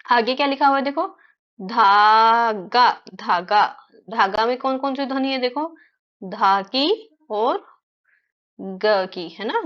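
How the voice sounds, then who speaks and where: A woman teacher explaining word sounds to young children, repeating each word slowly and checking in with them often. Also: sits high, fairly bright tone, dull audio. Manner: slow, stretched-out repetition of words; frequent tag questions to children. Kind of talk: children's phonics lesson.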